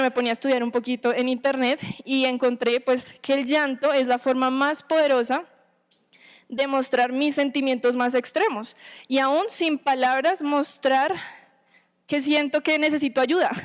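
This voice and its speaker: A woman giving a sermon to a women's meeting, teaching in a conversational way, asking rhetorical questions and checking in with her listeners. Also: high voice.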